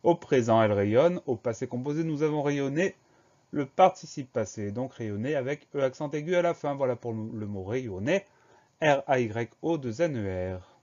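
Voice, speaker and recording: A young man teaches a spelling lesson at a mid pitch, spelling each word out letter by letter. His delivery is slow and careful, like classroom dictation. The recording sounds somewhat dull and lo-fi. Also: expressive, a little mellow.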